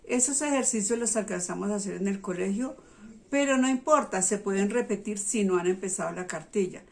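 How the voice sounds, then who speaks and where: A woman's voice: mid-range voice, fairly quick, creaky. Patient woman teacher explaining to parents. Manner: patient, checks in with listeners often.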